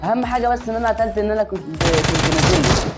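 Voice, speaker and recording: A woman with an Egyptian Arabic accent commentates a shooter game in a rapid, excitable stream. Her voice sits at a middling pitch, and game music and gunfire run behind her. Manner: excitable, chatty, talks straight to the viewer. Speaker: gaming channel host.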